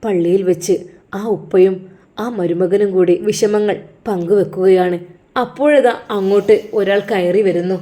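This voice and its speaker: Woman storyteller, earnest and emotional, warm mellow tone. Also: medium pitch, fairly even intonation, normal speed. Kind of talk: dramatic story narration.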